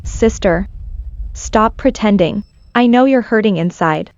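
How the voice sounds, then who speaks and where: A woman's voice: mid-range voice, measured pace, darkish tone, lo-fi sound, soft background music, lightly acted. A woman dubbing a scheming, manipulative younger sister in a drama, falsely sweet and taunting. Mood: gloating. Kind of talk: English drama dub.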